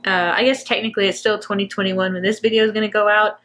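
A woman's voice: mid-range voice, level tone, quick pace, a bit bright, a little hiss or hum. A woman hosting a music reaction video, talking casually and effusively, rambling with fillers and restarts. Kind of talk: casual reaction chat to camera.

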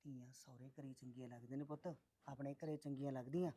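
A man's voice: mid-range voice, steady tone, quick pace, warm tone, dry recording, lightly acted. An actor playing a patient middle-aged father who soothes and coaxes his married daughter to stay with her in-laws. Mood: coaxing. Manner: soothing, coaxing.

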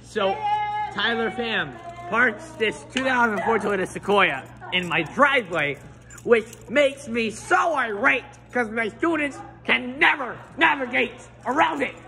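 A man's voice: very high-pitched, lively intonation, measured pace, creaky, pushed and bright, faint music behind. A teenage boy vlogging with a phone at arm's length in an outdoor school walkway, rambling playfully in a mock-grumpy improvised role. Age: teens. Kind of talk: goofy improvised role-play. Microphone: phone held at arm's length.

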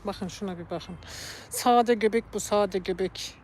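A woman's voice: medium pitch, measured pace, a little mellow, a little hiss or hum. A woman from Turkey chatting casually on a live stream, talking about and calling to her cats. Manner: chatty, coos and calls to her cats in a raised voice.

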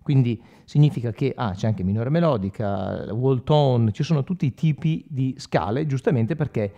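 With electric guitar and effects playing in the background, a man in his forties explains gear while demonstrating it, talking conversationally to the viewer and asking brief check-in questions. He speaks at medium pitch and normal speed with vocal fry and a dark tone, and the audio is dull.

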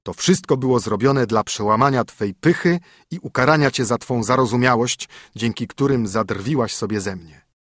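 A man's voice: medium pitch, moderate pace, a bit bright, no echo, studio quality, lightly acted. A man doing a stern scolding minstrel husband. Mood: reassuring. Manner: scolding, commanding. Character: stern poor minstrel husband, a king in disguise.

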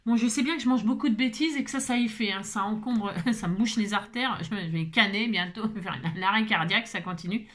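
A woman's voice: mid-range voice, fairly quick, hardly any pauses, fairly bright tone. A woman hosting a casual crafting tutorial, out of breath, chatty and full of fillers and repetitions.

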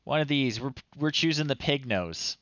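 A man in his thirties hosts a retro game show on a live stream from a small room at home, casually commentating, reading on-screen text aloud and adding amused, playful asides. His medium-pitched, fairly bright voice is expressive and moderately paced, with no room sound, captured in a slightly dull, dry close-up recording.

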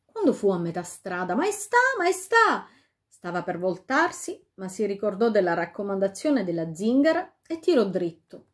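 A woman reading a fairy tale aloud with an expressive, dramatic delivery. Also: medium pitch, moderate pace. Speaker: storyteller.

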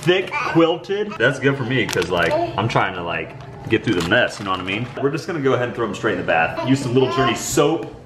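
A man's voice: mid-range voice, sing-song, fairly quick, hardly any pauses. An American man in his thirties chatting casually to camera as a family vlogger, slangy and playful, in echoey noisy surroundings. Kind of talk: casual vlog chat to camera. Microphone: handheld camera. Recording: echoey rooms with loud background noise.

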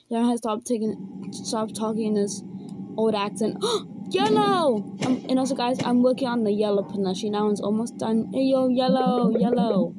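A woman giving casual gameplay commentary, chatting and reacting out loud to what happens on screen. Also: a little high, fairly even intonation, normal speed. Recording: loud background noise.

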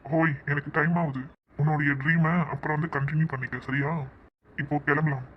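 A man's voice: on the high side, steady tone, a little fast, lo-fi sound, slight background noise, close to an everyday voice. A man voicing a kind, easygoing young uncle in a cartoon, coaxing a small child. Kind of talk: cartoon voice acting.

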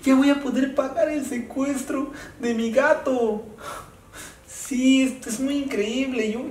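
A man's voice: very high-pitched, far from the mic, slight background noise. A young man with a Mexican accent playing a melodramatic, cocky gambler in an amateur comedy sketch. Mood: elated. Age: young adult. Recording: echoey room, loud music behind.

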